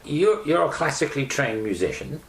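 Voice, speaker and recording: An older man interviewing a guest, asking questions in a lively, conversational, admiring way. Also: mid-range voice, a little fast. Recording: roomy echo.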